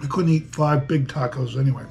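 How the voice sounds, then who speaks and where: A man's voice: mid-range voice, fairly quick, creaky, darkish tone, faint music behind. A man vlogging an eating challenge at home, chatting and joking between mouthfuls. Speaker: beer review vlogger. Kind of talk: casual eating challenge vlog.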